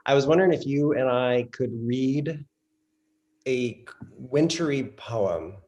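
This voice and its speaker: This is a man hosting an interview in a casual way. He speaks haltingly and often restarts his phrases. His pitch is in the middle range for a man. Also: expressive, a little mellow, slight background noise. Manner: halting, repeats words, laughs easily. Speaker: host.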